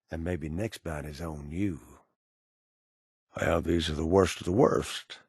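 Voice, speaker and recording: An actor playing a cynical, menacing ghoul bounty broker in a video game, with an American Southern accent and a sardonic drawl full of cowboy slang. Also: male voice, sits low, breathy edge, no echo, studio quality, exaggerated voice. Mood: threatening, then matter-of-fact. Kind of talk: video game character dialogue.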